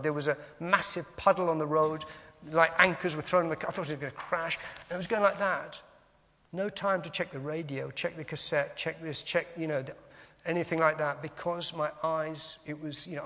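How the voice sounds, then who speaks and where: A man's voice: fairly high pitch, vocal fry, sharp tone. A man preaching a conversational sermon in a church, wandering into asides and reading scripture aloud with stress on single words. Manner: conversational, digressive, reads scripture aloud with emphasis. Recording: long church reverb.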